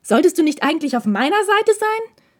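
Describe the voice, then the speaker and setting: Young male student, read by a woman, defiant, snapping, pitched up, storybook. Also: sing-song, fairly quick. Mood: angry. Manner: indignant, snapping.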